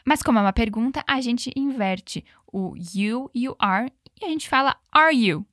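A woman's voice: on the high side, lively intonation, fairly bright tone, no echo, studio quality. Patient woman teaching English drills. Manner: patient, slows down on English phrases. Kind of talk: language lesson with repeat-after-me drills.

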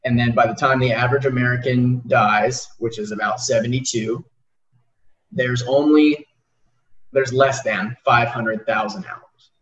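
A podcast host in his twenties chats casually with a guest, speaking earnestly but rambling and repeating words a lot. His voice is medium-pitched, steady and fairly bright, a little slow, and the recording sounds roomy, distant and dull.

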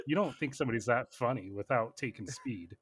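A man's voice: mid-range voice, expressive, a little fast, fairly bright tone, slightly rough. A man co-hosting a casual podcast who chimes in with dry wisecracks. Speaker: podcast co-host.

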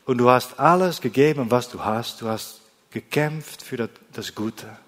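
A man from the Netherlands, preaching a sermon in German, slow and deliberate, with phrases that often drop to a soft low ending. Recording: long hall reverb.

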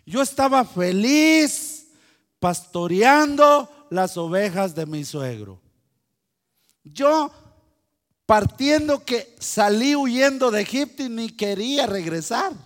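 A preacher voicing a male prophet who loudly insists he is only following orders. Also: very high voice, very animated, slow pace, voice pushed up, exaggerated voice. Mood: indignant. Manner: loud, insistent protest. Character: defiant male prophet arguing with God. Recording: long hall reverb.

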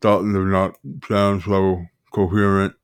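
Deep-voiced profane man rambling. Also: level tone, slow pace, clean tone. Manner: profane, rambling, erratic jumps in pitch and pace. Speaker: podcast host. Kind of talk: rambling casual chat.

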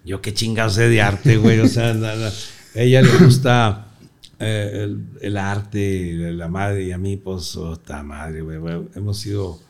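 A man's voice: lowish voice, fairly even intonation, unhurried, darkish tone. Casting: middle-aged Mexican man, comedian guest, salty joking storyteller. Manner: profane, joking, laughs through his own stories. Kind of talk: casual storytelling interview.

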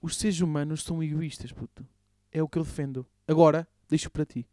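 A man's voice: fairly high pitch, fairly even intonation, fairly quick, dark tone, dry recording, clean studio sound. A young man with a European Portuguese accent, co-hosting a podcast in casual, slangy, rambling chat. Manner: slangy, rambling, filler-heavy. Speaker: podcast co-host.

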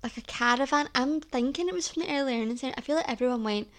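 A Scottish woman in her twenties chats on her own podcast, her voice sitting a touch high. She rambles freely and fills her talk with "like" and "um". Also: fast talker. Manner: chatty, rambling, heavy use of "like" and "um". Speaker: podcast host. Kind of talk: casual solo podcast chat.

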